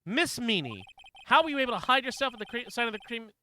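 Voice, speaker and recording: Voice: medium pitch, sing-song, fast talker, sharp tone, a little hiss or hum. A game streamer voicing an earnest, insistent young male defense lawyer pressing his case in a courtroom video game. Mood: confident. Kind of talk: video game dialogue read aloud.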